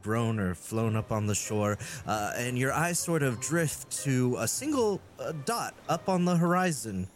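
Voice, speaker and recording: A man's voice: mid-range voice, very animated, unhurried, hardly any pauses, faint music behind. A man running a tabletop game as game master, narrating with many fillers. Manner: rambling with many fillers, laughs while narrating.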